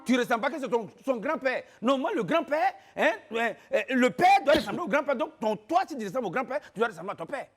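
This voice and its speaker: A man playing a comic guest, earnest and halting as he complains. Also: very high voice, expressive, soft background music.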